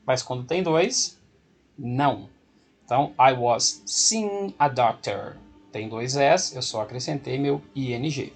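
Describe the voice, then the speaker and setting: Husky-voiced Brazilian teacher explaining grammar. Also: male voice, medium pitch, slow, soft background music. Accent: Brazilian Portuguese. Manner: patient, step-by-step explaining, repeating rules. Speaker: English teacher. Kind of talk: video lesson explaining grammar.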